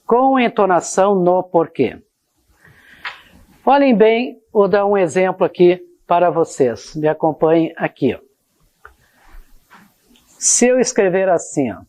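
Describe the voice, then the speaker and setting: A woman's voice: lowish voice, animated, measured pace, pauses often, mellow. A woman teaching a grammar lesson to her students, explaining each point and checking they follow, and reading example sentences aloud with exaggerated intonation. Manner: explanatory, addresses students directly with frequent checks like "tá?" and "ó". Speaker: Portuguese teacher.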